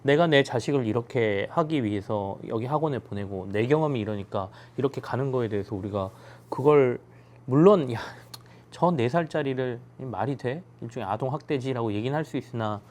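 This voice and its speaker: A man's voice: mid-range voice, a little fast, darkish tone. A man talking thoughtfully on a talk panel about his own parenting. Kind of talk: casual chat.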